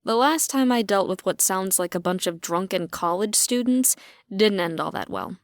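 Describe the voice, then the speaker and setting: Woman narrator, first-person fantasy audiobook, wry even delivery, dry close studio sound. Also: medium pitch, moderate pace, dry recording.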